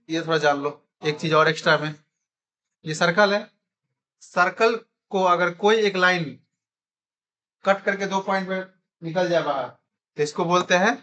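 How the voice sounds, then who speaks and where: A man's voice: on the high side, a bit bright. A man teaching a classroom math lesson in speech, constantly quizzing his students with repeated questions.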